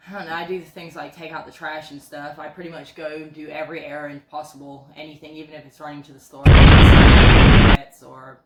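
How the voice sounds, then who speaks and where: A woman's voice: low voice, little pitch movement, fairly quick, hardly any pauses, muffled recording. A woman in her thirties chatting casually on a couple's home vlog, joking and rambling with lots of fillers. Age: 30s. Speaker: co-host. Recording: echoey room with faint noise.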